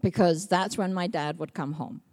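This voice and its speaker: Lively Samoan-raised woman preaching testimony. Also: fairly low pitch, moderate pace. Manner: lively storytelling, acts out quotes, laughs often. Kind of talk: personal testimony sermon.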